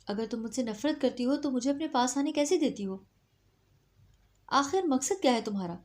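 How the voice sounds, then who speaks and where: A woman's voice: high voice, lively intonation, a little mellow, pitched above the performer's own voice. A woman voicing a brooding, frustrated young husband in a storybook reading. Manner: confrontational, then earnest.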